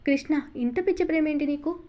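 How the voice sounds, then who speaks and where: A woman's voice: high voice, quick pace, warm tone, natural voice. A woman voicing a shy, emotional young wife in an audiobook novel reading, speaking in an earnest, bashful manner. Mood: playful.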